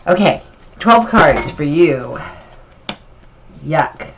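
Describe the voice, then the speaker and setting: A woman's voice: low voice, big pitch swings, very slow, vocal fry, slight background noise, low-quality recording. Stuffy-nosed woman giving a cheerful tarot reading. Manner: upbeat, encouraging, chatty. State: stuffy and nasal from allergies. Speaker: tarot reader. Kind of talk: casual weekly tarot reading.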